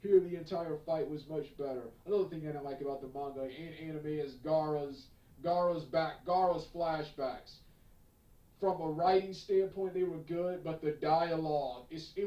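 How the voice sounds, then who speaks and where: A male reviewer with a slightly high, mellow voice gives an unscripted spoken review, halting as he goes, with many fillers, restarts and repeated phrases. He sounds far from the mic in an echoey room.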